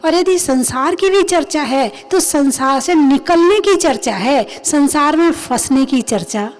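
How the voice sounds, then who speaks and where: High-voiced woman preaching slowly. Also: lively intonation. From India. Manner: slow, emphatic, asks and answers her own questions. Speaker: Jain nun preacher. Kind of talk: sermon. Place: recorded during a religious discourse.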